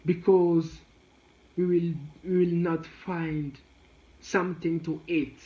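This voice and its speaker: A man delivers a prepared persuasive speech in short, deliberate phrases, earnest and pleading. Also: on the high side, level tone, warm tone. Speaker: speaker. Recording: dull, echoey room sound.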